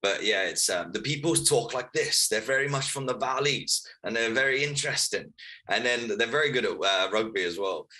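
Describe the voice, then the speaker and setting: A man's voice: fairly low pitch, bright, forceful tone, low-quality recording. A man of thirty, telling his life story earnestly as an author guest in a casual interview. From Wales, raised in London. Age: 30s.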